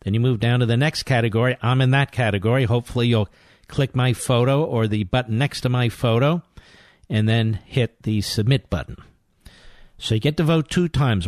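Indignant talk-radio host, close and dry. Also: male voice, medium pitch, no room sound. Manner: forceful, indignant, rhetorical questions. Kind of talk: talk radio monologue and call-in.

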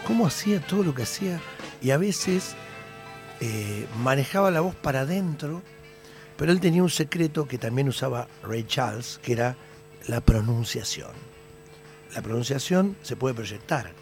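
A middle-aged Argentine man, a singer, talks in a relaxed radio chat, his voice sitting at an ordinary pitch. He tells stories with animation and often trails off into hesitant pauses. Music plays clearly in the background of the studio. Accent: Argentine Spanish. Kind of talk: casual radio interview chat.

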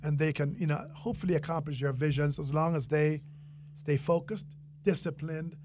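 Earnest and emphatic through repetition, a Jamaican-accented man talks as an interview guest; he's an entrepreneur who runs restaurant franchises. His fairly high voice is steady and a little mellow, at a moderate pace, with slight background noise in the conversational recording.

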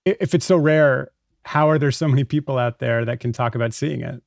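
A man's voice: mid-range voice, fairly quick, gravelly, no room sound. Male podcast host, dry studio sound. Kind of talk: casual interview.

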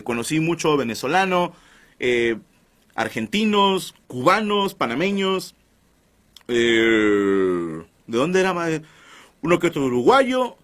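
A man tells comic stories on his podcast, loose and full of crude slang. His voice sits fairly high and swings widely in pitch. The tone is bright and sharp. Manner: crude slang, animated, addresses listeners as brothers. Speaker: podcast host. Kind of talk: comedic storytelling monologue.

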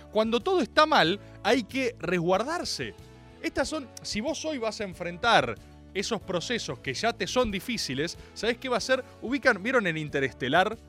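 A male radio host with a Rioplatense accent, delivering a theatrical and sarcastic monologue. His voice sits high and bright and swings widely in pitch. Faint music plays behind him. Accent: Rioplatense Spanish. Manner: theatrical mock-indignant ranting, sarcastic. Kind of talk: radio talk show monologue.

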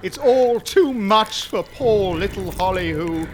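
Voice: mid-range voice, lively intonation, slow. A storyteller giving a campy, melodramatic comic narration of a gruesome tale.

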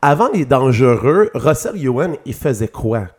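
A man hosting a casual podcast interview, joking and reacting quickly. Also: medium pitch, big pitch swings, a little mellow. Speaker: podcast host.

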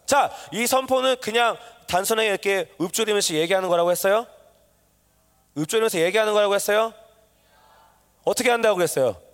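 A man's voice: sits high, clear, resonant tone. A man preaching a sermon to a young group, coaxing answers and leading them in call-and-response. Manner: animated call-and-response, coaxing and quizzing listeners. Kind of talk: interactive sermon with youth. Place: church hall. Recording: long reverb of a church hall.

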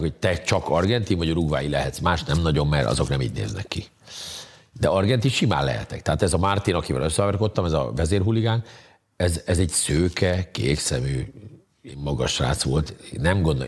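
Husky low-voiced man, crude rambling talk. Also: a little mellow. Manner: crude, joking, rambling storyteller. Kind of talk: casual chat.

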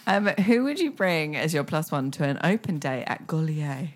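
A woman hosts a casual radio chat in a lower-pitched voice. She fires off playful questions one after another in a relaxed, teasing way. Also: normal speed. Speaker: radio host.

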